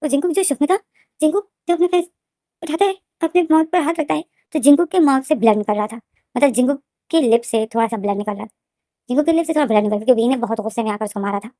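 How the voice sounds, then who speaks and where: A woman retelling a fan fiction story in a casual, fast, repetitive way, often restarting her sentences. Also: high voice, dark tone, no echo, studio quality.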